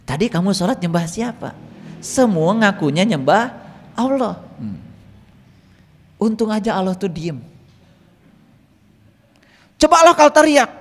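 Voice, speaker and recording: Man, religious teacher, sermon, rhetorical questions, slow drawn-out Arabic verses, swooping expressive pitch, reverberant hall. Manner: lively, fires rhetorical questions at the audience. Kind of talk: sermon-style religious lesson. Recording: long reverb, hall-like room.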